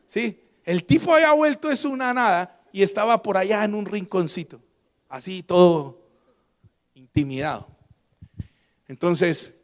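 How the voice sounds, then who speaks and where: High-voiced Colombian preacher in an echoey hall. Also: male voice. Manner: call-and-response questions to the congregation; emphatic, swings between loud and quiet. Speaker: guest pastor. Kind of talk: sermon.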